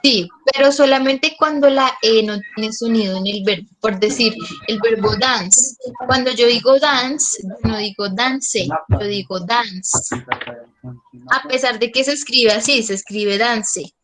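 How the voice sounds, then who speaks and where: Teacher, woman, slightly high voice, patient step-by-step explainer who checks in often. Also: normal speed, crowd noise, rough recording. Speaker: English teacher. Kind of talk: online class explanation.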